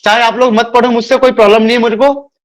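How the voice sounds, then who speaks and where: A man's voice: extremely high pitch, fairly even intonation. A man teaching a math class, repeating himself and calling the students beta. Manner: admits speaking fast. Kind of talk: live online class lecture.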